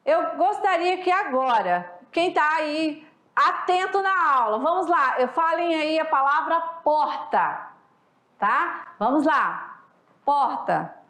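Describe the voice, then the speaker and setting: A woman's voice: high-pitched, animated, slow, pushed and bright. A woman with a Brazilian accent teaching a recorded class. She talks in a chatty way and keeps checking in with her students. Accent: Brazilian Portuguese. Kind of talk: recorded online class lecture. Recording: echoey room.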